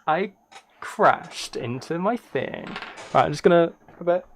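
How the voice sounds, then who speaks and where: With typing and clicks audible through clear noise, a livestream host plays a game and chats casually to viewers, playful, teasing and prone to rambling asides. His fairly high voice is expressive and measured in pace.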